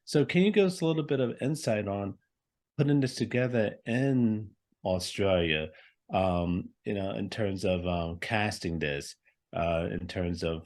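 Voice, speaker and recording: A man moderating a film festival Q&A, asking halting questions with many fillers. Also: low voice.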